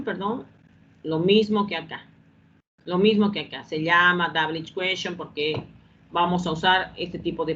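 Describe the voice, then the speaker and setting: A woman's voice: lowish voice, a bit bright. A woman teaching an English grammar lesson, patiently repeating each step and asking whether the class has understood. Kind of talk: classroom explanation. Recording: dull lo-fi sound with faint background hum.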